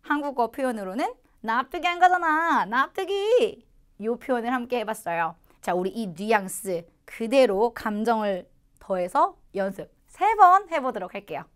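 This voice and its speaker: A Korean woman teaching English phrases to learners, explaining patiently and modeling English phrases slowly. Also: on the high side, sing-song, clear, resonant tone.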